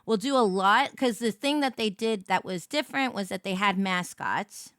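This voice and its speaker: A woman hosting a casual livestream, talking in an animated, slangy way with plenty of swearing. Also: mid-range voice, moderate pace, clean tone, no echo, studio quality. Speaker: VTuber streamer and host with a 1950s diner waitress persona.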